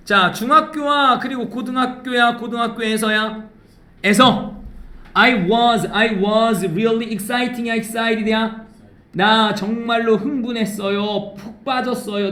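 High, bright-voiced male English teacher. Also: roomy sound. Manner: drills students with call-and-repeat prompts; keeps checking understanding with tag questions. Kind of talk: grammar lecture.

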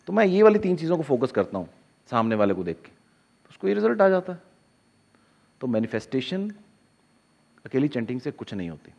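A man teaching in a casual lecture to camera, animated, acting out inner voices in asides. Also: brisk, creaky, long pauses. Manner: animated, acts out inner voices with sudden drops in pitch and loudness. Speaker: spiritual teacher.

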